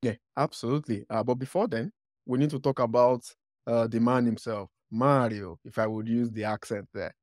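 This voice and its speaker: A man's voice: medium pitch, fairly even intonation, normal speed, a little mellow, no echo, studio quality. A man hosting a podcast, upbeat and casual, with filler words as he asks questions. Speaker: podcast host. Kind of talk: casual interview talk.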